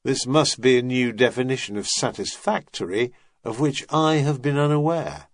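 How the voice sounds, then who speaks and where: A man's voice: mid-range voice, expressive, normal speed, dry recording, lightly acted. A man voicing a tired, blunt male security agent in an audiobook. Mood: weary. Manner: weary, blunt.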